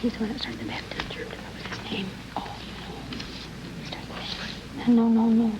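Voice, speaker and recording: A woman's voice: on the high side, very animated, brisk, in a whisper. A woman on a quiz show conferring hesitantly with her partner over answers. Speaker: quiz contestant. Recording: dull noisy old broadcast.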